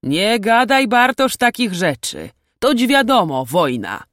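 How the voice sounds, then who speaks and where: A woman voicing a gruff, weary old male knight who talks firmly in old-fashioned speech. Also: mid-range voice, sing-song, slow, fairly bright tone, no room sound, studio quality, pitched above the performer's own voice. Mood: stern. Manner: firm, archaic speech.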